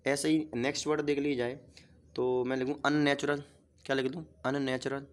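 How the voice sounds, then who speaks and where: A patient male teacher works through a grammar lesson one piece at a time. He keeps asking quick questions like a quiz and answers each one himself. His voice is of ordinary pitch for a man. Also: little pitch movement. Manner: asks questions and repeats the answers; patient, explains step by step.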